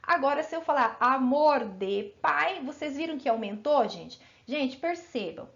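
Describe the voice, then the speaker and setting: A woman teaching a grammar lesson to children, encouraging and often checking that pupils follow, drawing out her example words slowly. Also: sits high, expressive, gravelly, a bit bright, highs cut off. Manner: encouraging, asks pupils frequent check-in questions.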